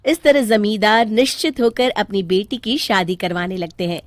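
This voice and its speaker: A woman narrating a cartoon story in an expressive storytelling manner. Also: medium pitch, moderate pace, no room sound.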